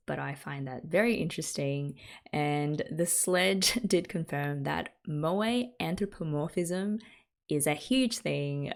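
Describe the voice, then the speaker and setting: A young Australian woman with a low, creaky voice hosts an anime reaction video. She chats casually and giggles often as she reacts.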